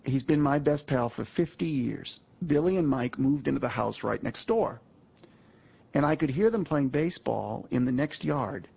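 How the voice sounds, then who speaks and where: A man's voice: medium pitch, animated, normal speed, vocal fry, slightly rough. A man in his sixties, a guest speaker telling a personal story to an audience in a folksy, emphatic way, addressing the listeners directly. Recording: muffled lo-fi audio.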